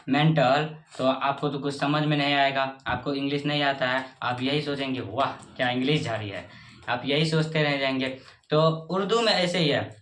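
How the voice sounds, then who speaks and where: A man's voice: mid-range voice, a bit bright. A man teaches the Urdu alphabet in a casual lesson, repeating each point twice and promising results with confidence. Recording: echoey room.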